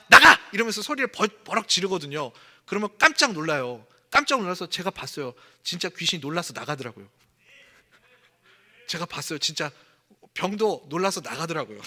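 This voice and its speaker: A man pastor preaches a sermon in a conversational style, now and then acting out the lines he quotes. His voice sits high and sounds bright and forceful. A long reverb from the church sanctuary trails behind his words.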